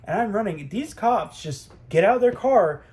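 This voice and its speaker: A man's voice: high-pitched, animated, normal speed, darkish tone. A young man vlogging at home, telling a story in a rambling way, full of fillers. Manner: rambling, lots of "um" and "I'm like". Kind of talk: casual storytelling.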